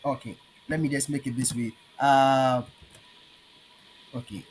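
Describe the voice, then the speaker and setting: A man with a Ghanaian accent teaching his language in an online lesson, patiently repeating words slowly. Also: medium pitch, fairly even intonation, slight background noise.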